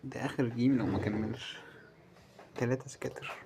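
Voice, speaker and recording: A man with an Egyptian Arabic accent giving live commentary as he plays a slot game, muttering and pleading with it and breaking into loud cheers. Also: mid-range voice, a little fast, gravelly, noisy background. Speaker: gamer playing a slot game.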